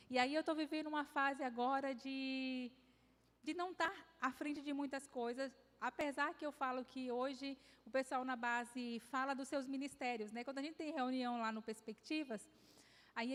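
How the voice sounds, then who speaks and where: A high-pitched woman with a Brazilian Portuguese accent gives a devotional talk in a church hall. She speaks in a conversational, anecdotal way and adds light self-deprecating humor. Her voice carries a long reverb tail from the hall. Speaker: conference speaker.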